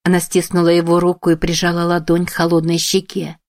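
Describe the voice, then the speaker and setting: A woman narrating a fantasy audiobook in a steady, even storytelling voice. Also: on the low side, a little fast, dry recording, studio quality. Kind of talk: scripted narration.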